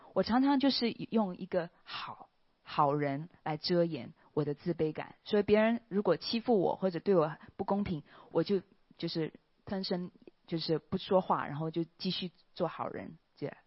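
A woman tells her personal testimony in an earnest, unhurried way, pausing softly and often ending phrases with a gentle "ha". Her voice sits at a middle pitch. The recording is a bit dull and lo-fi, with a dry, close sound. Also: no echo. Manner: earnest, with soft pauses and a trailing "ha" particle. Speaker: church member giving testimony.

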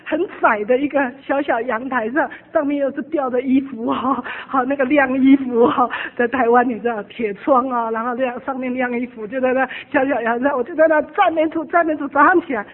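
A woman, preaching a personal sermon testimony. Her voice sits high and a little breathy, swinging between emphatic, animated preaching and quiet asides. The sound is narrow and phone-like. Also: a little fast, hardly any pauses.

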